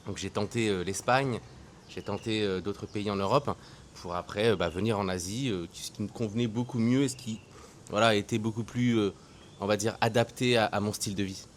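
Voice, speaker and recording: A man's voice: on the low side, moderate pace, a little hiss or hum. A man in his thirties from France, a guest speaking frankly and conversationally with many hesitations. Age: 30s. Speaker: guest, entrepreneur. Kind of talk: casual interview.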